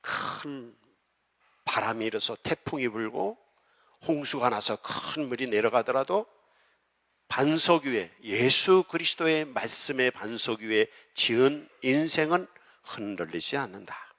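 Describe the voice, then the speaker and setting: A man preaching a sermon as pastor, emphatic and rising and falling in loudness as he draws replies from the congregation. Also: mid-range voice, expressive, measured pace. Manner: emphatic preaching that rises and falls in loudness, coaxing the congregation to respond. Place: church sanctuary. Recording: long hall reverb in a church.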